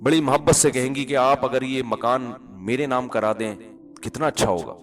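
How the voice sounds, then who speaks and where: A male preacher voicing a wife who sweet-talks her husband, in a softer, lower tone. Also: steady tone, soft background music, natural voice. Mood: coaxing. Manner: sweet-talking, wheedling. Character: coaxing wife asking for the house.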